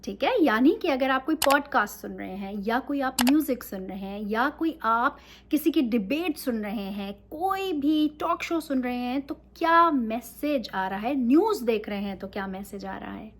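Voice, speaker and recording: Woman teaching English, lively. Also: fairly high pitch, moderate pace, slight background noise. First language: Urdu. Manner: mixes Urdu with English phrases, checks in with listeners. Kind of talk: casual instructional talk.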